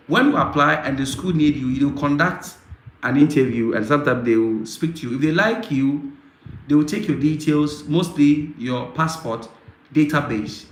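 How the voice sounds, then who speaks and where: A man from Africa hosting a casual live Q&A, answering viewer questions in a halting way with frequent fillers and repetitions. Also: medium pitch. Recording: roomy echo, faint background noise.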